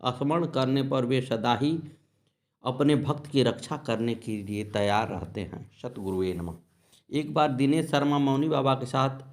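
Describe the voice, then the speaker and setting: A man telling devotional stories in a measured reading voice, softly murmuring short invocations between episodes. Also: medium pitch. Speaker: devotional storyteller. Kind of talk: devotional story narration.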